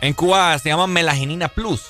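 A man's voice: on the high side, fairly quick, sharp tone, faint music behind. A man co-hosting a morning radio show, chatting casually and joking with his co-host. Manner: playful, joking banter.

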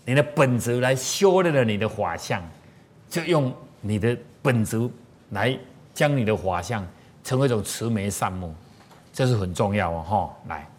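A man with a Taiwanese Mandarin accent, a spiritual teacher giving an animated sermon-style lecture full of rhetorical questions to the audience. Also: fairly low pitch, moderate pace.

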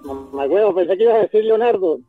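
A man's voice: high-pitched, animated, fast talker, loud music behind the voice. A man joining a casual stream from his phone, answering with dry, mocking retorts. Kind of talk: casual live-stream banter. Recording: tinny phone line.

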